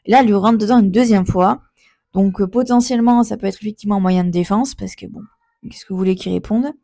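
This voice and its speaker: A woman's voice: medium pitch, fast talker, creaky, dark tone. A woman in a casual storytime vlog, retelling a confrontation as an indignant, emphatic mother who repeats her points.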